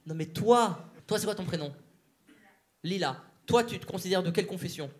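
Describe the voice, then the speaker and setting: A male stand-up comedian doing crowd work on stage, teasing audience members with quick banter. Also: high-pitched, lively intonation. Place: theater stage before a live audience. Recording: live show with loud audience laughter and noise.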